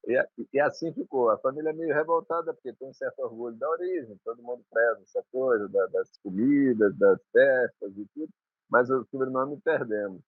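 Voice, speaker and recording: A guest musician from Maranhão, Brazil, reminisces in a rambling way, restarting often as he tells a conversational story. His medium-pitched voice moves briskly, and the audio sounds phone-like with no echo.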